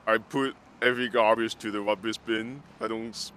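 A man speaks through a disguised, artificially deepened voice. He talks low and haltingly, restarting and reaching for words as he gives interview testimony. Faint noise sits under the altered voice. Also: fairly even intonation, pushed and bright. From Hong Kong. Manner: halting, searching for words, many restarts and "like" fillers. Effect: voice disguised, pitch-shifted deeper. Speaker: pro-democracy organizer.

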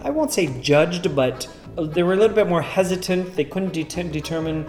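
A high-pitched Canadian man, French his first language, from Southwestern Ontario, calmly tells an interviewer about his upbringing. The storytelling is reflective and conversational, measured and thoughtful with occasional hesitations and restarts. Faint guitar music plays in the echoey room.

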